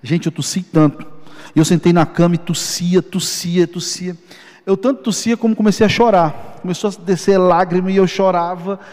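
A man preaching a sermon, telling a personal testimony with slow, emphatic repetitions. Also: high voice, darkish tone, big-room sound. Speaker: pastor.

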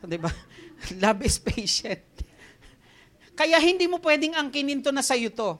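Filipino woman preaching a lively sermon. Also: high voice, measured pace. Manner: switches between Tagalog and English, animated storytelling, laughs at herself.

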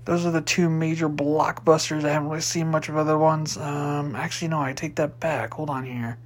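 A man's voice: fairly high pitch, little pitch movement, a little fast. A man hosting a casual solo podcast, chatty and rambling as he runs through new movie releases. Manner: chatty, rambling, with fillers and restarts. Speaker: podcast host.

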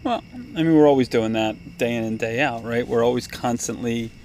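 A man with a mid-pitched voice co-hosts a casual podcast. He talks haltingly and rambles as he goes. Crickets and insects can be heard in the backyard where he is recorded. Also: darkish tone, a little hiss or hum. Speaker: podcast co-host. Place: backyard, outdoors.

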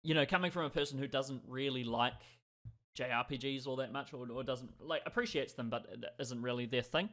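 A man's voice: mid-range voice, fairly quick, fairly bright tone. A man co-hosting a gaming podcast, rambling casually with hesitant ums and repeated words. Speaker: podcast co-host.

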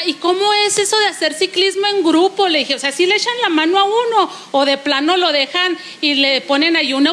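A woman pastor, giving an animated sermon that acts out the voices in her stories. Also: high-pitched.

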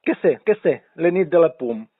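A man's voice: on the high side, animated, normal speed, breathy edge, no echo. A man playing a rambling, self-important, self-pitying fake doctor on a prank phone call, heard over a tinny phone line.

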